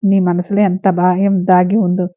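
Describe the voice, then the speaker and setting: An anxious middle-aged mother who speaks with quiet tenderness, voiced by a woman storyteller. Her delivery stays even. The recording is thin and tinny. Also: on the low side, normal speed, no echo, natural voice. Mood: tender. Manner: soft, caring. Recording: narrow phone-like lo-fi sound.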